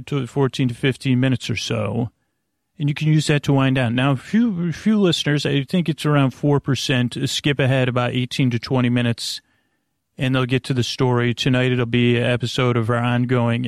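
A man hosts a bedtime podcast, rambling off the cuff in a halting way, stammering and repeating the starts of words. His voice is mid-range, gravelly and creaky, captured in clean studio quality with no echo.

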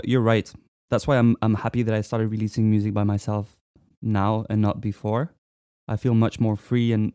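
A man in his twenties from France, a musician talking casually in an interview, relaxed and hesitant with many fillers. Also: fairly low pitch, no echo, studio quality. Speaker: musician guest.

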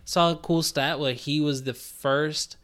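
Laid-back chatty podcast co-host. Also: male voice, fairly high pitch, fairly even intonation, unhurried, fairly bright tone. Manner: loose and chatty, laughs often, many fillers like "like". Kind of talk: casual sports chat.

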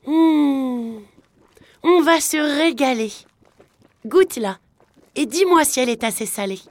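Narrator doing a sing-song, eager storybook wife, high, over music. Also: female voice, animated, a little slow, no room sound. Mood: delighted. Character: woodcutter's wife, cheerful home cook. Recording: music playing underneath.

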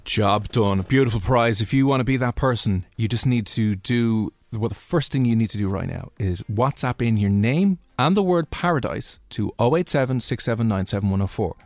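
A man's voice: mid-range voice, normal speed, few pauses, no room sound. A man with an Irish accent hosting a radio show and promoting competitions in a chatty, informal way. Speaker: radio host.

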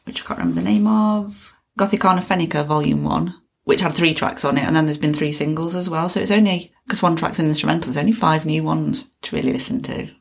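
A woman's voice: low voice, fast talker, creaky, breathy edge. A woman co-hosting a podcast, chatting casually about music news and hedging with "obviously" and "I think". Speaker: podcast co-host.

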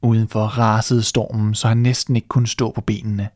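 A man reading a fairy tale aloud as storyteller, in steady narration. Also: on the low side, no echo, clean studio sound.

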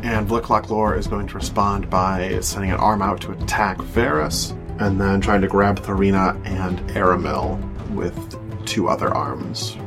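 A man's voice: low-pitched, fairly even intonation, a little slow. A man acting as game master, improvising vivid, descriptive narration of a tabletop fantasy game and addressing the players directly. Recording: prominent music bed, somewhat distant mic. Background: music.

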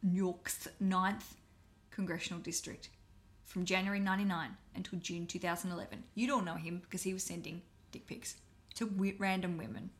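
A woman's voice: fairly low pitch, fairly even intonation, normal speed, hardly any pauses. Chatty woman podcast co-host. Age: 30s. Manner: chatty, laughs easily, swears casually. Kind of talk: casual chat.

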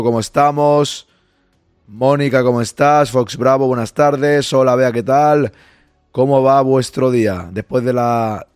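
A hoarse man runs a casual live stream, greeting listeners by name and reassuring them. His voice sits at an ordinary pitch and sounds dry and close, with no room around it. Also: a little mellow, no room sound. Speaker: podcast host reading live chat.

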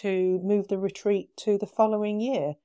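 A woman with a British accent, a podcast guest, telling her story in a casual, animated way with quoted dialogue. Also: mid-range voice, normal speed, no room sound. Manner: animated retelling with quoted dialogue, frequent laughs.

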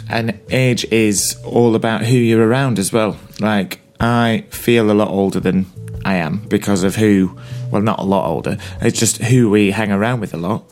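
Man, late twenties, low pitch, rambling casual talk, soft music underneath. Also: steady tone, normal speed, hardly any pauses. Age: 20s. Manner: rambling, thinking aloud with restarts. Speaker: podcast co-host. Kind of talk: casual chat.

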